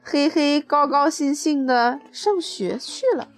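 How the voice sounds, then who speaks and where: A woman's voice: high-pitched, takes it slowly, soft background music. A woman reading a children's picture book aloud to a child, adding chatty asides to her young listener.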